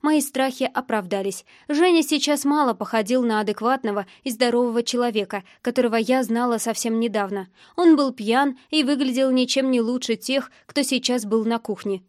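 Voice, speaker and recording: Brief: woman audiobook narrator, first-person drama, fairly high voice, dry close sound. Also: normal speed, few pauses, no room sound. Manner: tense, emotional storytelling.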